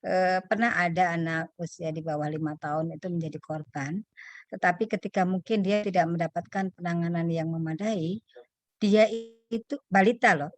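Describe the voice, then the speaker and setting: A woman speaking as a webinar panelist, explaining earnestly and pausing often with hesitation fillers over a video call. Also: medium pitch, no echo.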